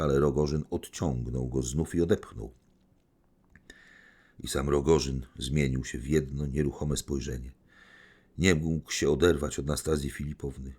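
A man narrating an audiobook in a measured, dramatic reading style. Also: extremely low pitch, a little mellow, husky. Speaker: audiobook reader.

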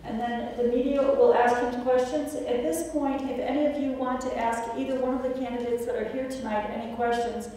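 A woman's voice: fairly high pitch, steady tone, brisk, hardly any pauses, dark tone, slight background noise. A woman moderating a candidate forum, announcing the next speaker and procedures. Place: large auditorium stage. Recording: echoey hall heard from far off.

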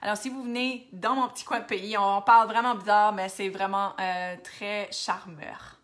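A bright, clear-voiced woman with an Acadian French accent hosts a casual live stream. She chats easily, answers viewers one by one and sometimes drops to a near-whisper before coming back to full voice. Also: mid-range voice, flat delivery, normal speed. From New Brunswick, Canada. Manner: chatty, switches to English, drops to near-whispers now and then. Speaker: makeup seller hosting a Facebook live.

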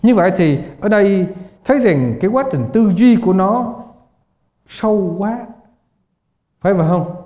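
A man's voice: high-pitched, animated, normal speed, long pauses, warm tone. An older man giving a Buddhist lecture, often asking his students rhetorical questions and laughing as he tells anecdotes. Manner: asks the class rhetorical questions and laughs while telling stories. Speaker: Buddhist teacher. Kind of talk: dharma lecture. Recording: echoey, dull lo-fi hall recording.

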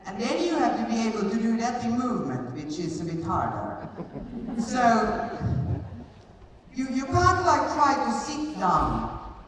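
A middle-aged riding coach demonstrates and explains hands-on at a live clinic in a big indoor arena, repeating short commands. Her slightly high voice swoops wildly in pitch at a somewhat slow pace. Picked up by a far audience camera, the recording sounds distant, very echoey, and noisy.

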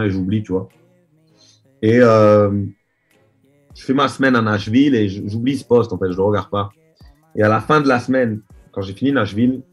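A man's voice: on the low side, husky. A man, a DJ guest telling a story in casual interview talk on a video call, rambling with many hesitations. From Marseille, France. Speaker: DJ and producer guest. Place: dim room at home. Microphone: video call webcam.

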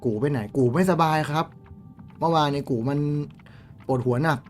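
Crude, excitable male game streamer. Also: on the high side, normal speed, faint music behind. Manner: crude, swearing, excitable outbursts. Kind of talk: live game stream chat.

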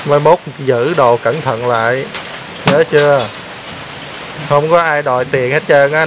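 Over some background noise, a vlog host with a medium-pitched voice keeps teasing someone on camera, prodding them with question after question in a playful, casual chat.

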